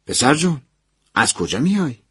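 A man with a husky voice playing a kindly older male professor who talks to his student in a soft, measured, fatherly way. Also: mid-range voice, very animated, dry recording, clean studio sound. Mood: gentle, probing. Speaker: university professor. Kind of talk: radio drama narration.

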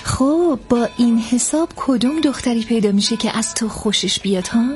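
Actress as a commanding, mocking young woman, husky voice, in a dubbed drama. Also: a little high. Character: bossy young woman, scornful and teasing. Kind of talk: classic Persian dubbing.

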